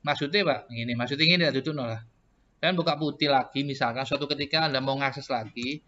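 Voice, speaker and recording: Bright-voiced teacher in a computer lab. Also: male voice, medium pitch, fast talker. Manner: patient, step-by-step, repeats "Pak" often. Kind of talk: classroom tutorial with student questions. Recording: muffled lo-fi classroom recording.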